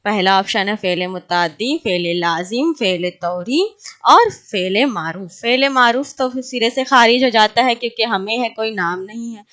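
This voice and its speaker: A woman's voice: a little high, fairly bright tone. Woman teaching grammar, questioning herself. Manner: explains step by step, asking and answering her own questions; draws out and repeats example words slowly. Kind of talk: exam-prep grammar lecture.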